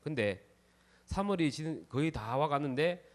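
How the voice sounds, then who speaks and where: A man's voice: on the high side, unhurried. A man, a Buddhist monk, telling a story during a sermon and acting out the people in it. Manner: lively storyteller, acts out the characters in the tale. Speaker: Buddhist monk giving a dharma talk.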